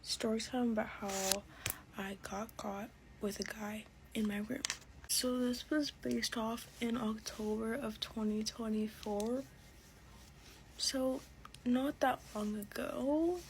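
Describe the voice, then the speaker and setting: A young woman telling a storytime in a casual, hushed, half-whispered way. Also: a little high, fairly even intonation, slow, slight background noise, rough recording.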